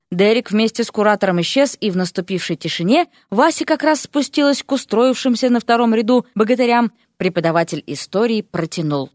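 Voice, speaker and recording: A woman reading a fantasy audiobook in a lively, characterful way. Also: mid-range voice, no room sound, clean studio sound. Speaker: audiobook narrator.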